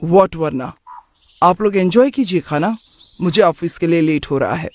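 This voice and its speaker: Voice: medium pitch, animated, unhurried, natural voice. A breezy, careless young man from a cartoon moral story, voiced by a narrator. He tosses off English slang without much thought. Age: young adult. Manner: mixes English slang into his talk.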